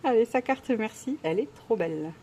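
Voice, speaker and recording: A woman's voice: a little high, animated, normal speed, dark tone. A woman vlogger chatting casually while unboxing at home, gushing with exclamations and often hesitating.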